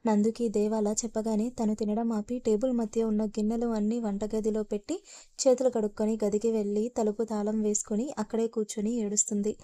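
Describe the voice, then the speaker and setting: A woman storyteller reading a romance story aloud in a steady, even way. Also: mid-range voice, a little fast, no echo. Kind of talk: story narration.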